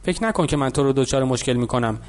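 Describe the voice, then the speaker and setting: Rich mentor in a storybook, older businessman, patient and instructive, lower voice, read by a male narrator. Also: lightly acted. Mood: lecturing. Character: wealthy older businessman, calm and lecturing.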